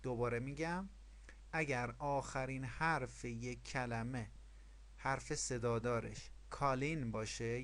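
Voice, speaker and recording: A man teaching a language lesson online, explaining rules step by step, repeating them and asking questions. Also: mid-range voice. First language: Persian.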